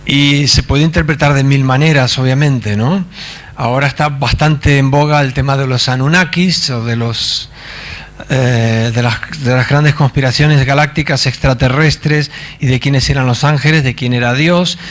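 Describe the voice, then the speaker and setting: A man from Argentina, giving a conference talk in a halting manner with many fillers and wry asides. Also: medium pitch, fairly even intonation. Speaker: conference speaker. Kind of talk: lecture. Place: conference stage.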